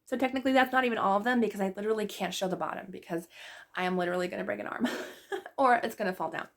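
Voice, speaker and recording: A woman's voice: medium pitch, very fast, vocal fry. A woman book vlogger chatting casually about books she loved, gushing and full of fillers. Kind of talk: casual book review chat.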